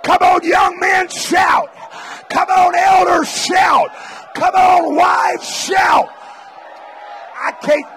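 A man preaching at a Pentecostal revival meeting, shouting and urging the crowd on with repeated exhortations, sometimes speaking in tongues. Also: very high voice, little pitch movement, very slow, long pauses, a little hiss or hum. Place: large church meeting.

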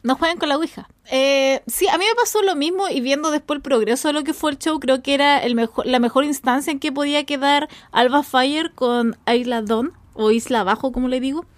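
A woman's voice: sits high, a little fast, hardly any pauses, no echo. A woman with a Chilean accent chatting casually and expressively as a podcast co-host, giving her opinions.

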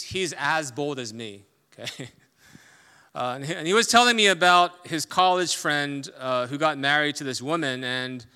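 A man preaching a sermon as a pastor, emphatic, swinging between loud stressed points and quiet asides. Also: mid-range voice, smooth, long reverb tail.

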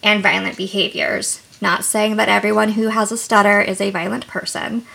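A woman therapist co-hosting a podcast, giving calm, measured explanations. Her voice has a gravelly fry and a husky edge. The tone is bright. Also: mid-range voice.

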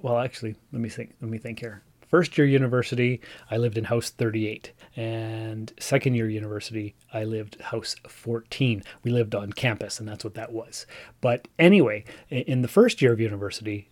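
A Canadian man in his forties, originally from Northern Ontario, delivers an informal podcast monologue on his own, thinking aloud in a rambling, talkative manner. He talks at a normal speed, fairly low in pitch and somewhat mellow.

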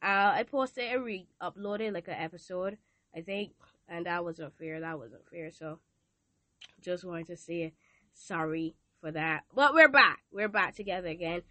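A teenage girl with a Barbadian accent, nasal from a cold, hosts a casual devotional podcast from a hot room with a fan running. Her voice is on the low side with a sharp tone and measured pace, recorded with no room sound. She's chatty and playful, putting questions to her listeners.

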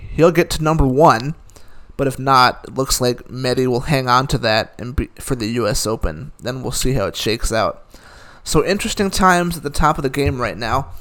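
A man's voice: mid-range voice, fairly bright tone. A man giving a casual, opinionated recap of the day's tennis results, rattling off scores with dry asides. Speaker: tennis commentator.

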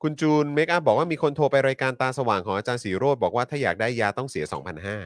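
A man's voice: medium pitch, expressive, racing, no room sound, studio quality. A man hosting a casual talk show, speaking bluntly with coarse slang and reading out viewer comments. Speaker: host.

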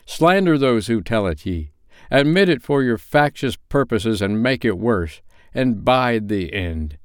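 A man voicing a solemn, sorrowful, aging male Christmas spirit who delivers grave, forceful warnings. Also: mid-range voice, expressive, a little slow, smooth, no room sound, studio quality, voice pushed up, natural voice. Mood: stern.

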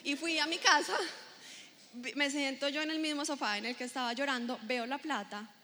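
Woman, 30s, motivational speaker; animated storyteller who acts out dialogue, slightly high voice, long hall reverb. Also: moderate pace. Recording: reverberant hall, faint ambience.

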